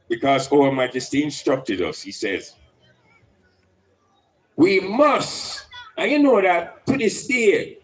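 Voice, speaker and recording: A Jamaican man with a slightly high voice delivers emphatic Rastafarian-style preaching and teaching, full of Rastafari idioms and rhetorical questions. The recording quality is low.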